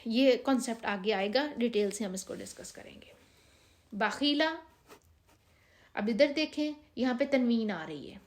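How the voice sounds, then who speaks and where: A woman's voice: fairly high pitch, expressive, a little mellow. Patient woman teaching recitation, Pakistani Urdu. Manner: patient, drawn-out reading of practice words. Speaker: Quran reading teacher. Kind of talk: step-by-step recitation lesson.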